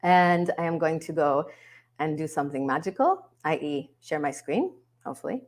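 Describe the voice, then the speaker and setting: A woman's voice: deep voice, lively intonation, normal speed. A woman hosting a live online workshop from home, chatting upbeat with viewers in the comments over a webcam. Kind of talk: casual livestream hosting. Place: home, yard work heard outside.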